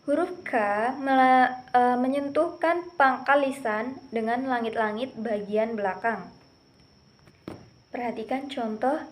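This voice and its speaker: A young woman explaining how Arabic letters are pronounced for Quran recitation, drilling syllables slowly and carefully, with the examples louder than her explanation. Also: on the high side.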